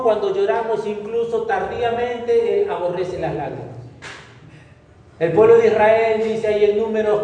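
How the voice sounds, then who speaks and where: A man preaching a sermon as pastor, impassioned, swelling loud and then dropping low. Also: a little hiss or hum. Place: church hall. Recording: long hall reverb.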